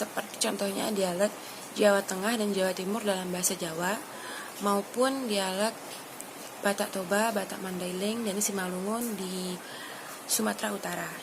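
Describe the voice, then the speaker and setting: A woman student presenting to her class, explaining point by point and pausing often along the way. Her voice sits at a middle pitch. A faint hiss of noise runs under the recording. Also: gravelly. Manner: explanatory, with frequent hesitations.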